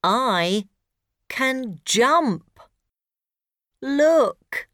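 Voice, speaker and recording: A woman's voice: sits high, lively intonation, very slow, fairly bright tone, no room sound, clean studio sound, voice pushed up, exaggerated voice. A woman voicing a clumsy, apologetic little robot in a storybook read for learners. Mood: meek. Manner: meek and apologetic.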